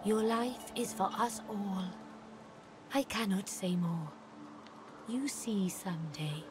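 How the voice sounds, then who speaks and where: A woman voicing a serene blind young elf girl seer who speaks in calm, broken, simple phrases. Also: medium pitch, slow pace, music in the background, natural voice. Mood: gentle. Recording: noisy game audio.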